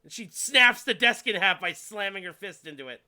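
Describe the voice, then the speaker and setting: A man's voice: high voice, expressive, normal speed, pushed and bright, smooth. A man acting as game master, narrating a tabletop role-playing session in casual talk.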